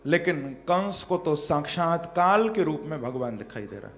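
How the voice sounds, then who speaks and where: A man's voice: fairly high pitch, sing-song, moderate pace, slight background noise. A man telling a devotional Bhagavat story as a sermon, acting out its scenes dramatically. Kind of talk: devotional katha sermon with sung couplets.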